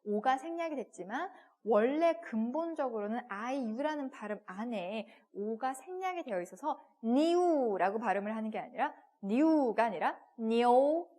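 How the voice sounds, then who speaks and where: A woman's voice: a little high, animated, normal speed, mellow. A young woman teaching Chinese pronunciation in a video lesson, explaining patiently and repeating each sound aloud.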